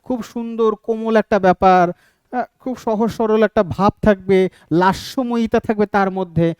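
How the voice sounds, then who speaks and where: Guy teaching exam prep, kinda high clear voice, dry close mic, keeps asking if everyone's got it. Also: steady tone, normal speed, darkish tone, no room sound. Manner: explains step by step, keeps asking "ঠিক আছে?".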